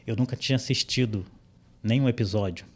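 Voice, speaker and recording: A man speaking Brazilian Portuguese, a guest interpreter on a podcast, explaining things in a relaxed way with frequent fillers, recorded on a studio microphone. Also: medium pitch, brisk. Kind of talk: casual interview chat. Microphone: studio microphone with headphones.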